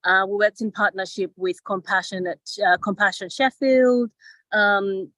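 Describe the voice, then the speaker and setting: A woman's voice: medium pitch, fairly even intonation, measured pace, a bit bright, no room sound, poor audio. Guest, female, from Zambia, casual explainer, dry close sound. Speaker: guest, organization director.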